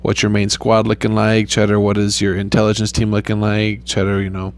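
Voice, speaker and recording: A young gaming YouTuber chats casually over his mobile gameplay, rambling in a laid-back manner. His voice is flat and low-key, he swears loosely, and he talks fairly quickly.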